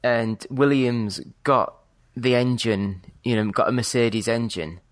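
A British man co-hosting a podcast, chatting in a relaxed way and often hedging what he says. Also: medium pitch, takes it slowly. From Britain. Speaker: podcast co-host. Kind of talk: casual chat.

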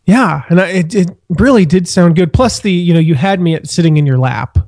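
A man's voice: high-pitched, fairly quick, a little mellow, no room sound, studio quality. An American man as a podcast guest, talking in a friendly, upbeat, easygoing way over an internet call. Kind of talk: casual interview chat. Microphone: internet call recording.

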